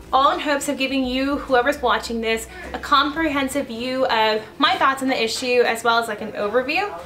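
A young woman, a vlogger and YouTuber talking fast and chattily to her viewers. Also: fairly high pitch, sharp tone. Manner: fast, chatty, laughing asides. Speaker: YouTuber and blogger. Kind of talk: casual vlog commentary.

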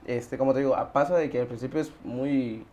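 A man's voice: medium pitch, brisk, warm tone. A young man from Honduras, a barber, chatting casually as a guest in an interview and often tossing in "brother" and "¿sabes?". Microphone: lapel mic.

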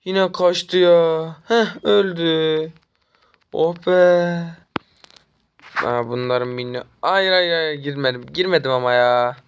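A young man from Turkey gives running commentary on his mobile game, goading enemies and calling out plays. His voice sits a little high and sounds smooth and clear. He turns excitable when he gets close to a kill. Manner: taunting, trash-talking the enemy; excitable, jumps up when chasing. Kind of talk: live gameplay commentary.

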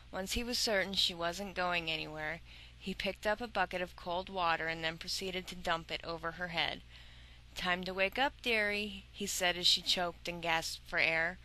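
A woman narrating a novel aloud in a steady, even storytelling manner. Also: on the low side, poor audio. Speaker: audiobook narrator.

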